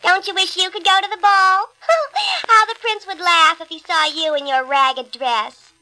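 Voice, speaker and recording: Lady doing snooty mean stepsisters, high and loud, bossing everyone around, storybook. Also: animated, unhurried, exaggerated voice, rough recording. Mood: mocking. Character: mean bossy young stepsisters, sneering and spoiled.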